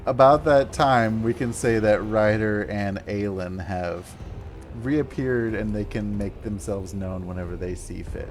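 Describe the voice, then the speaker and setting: A man's voice: on the low side, fairly even intonation, unhurried, over music. A man narrating a tabletop game as game master, casual and full of "like"s. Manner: casual, filler-heavy narration with many "like"s.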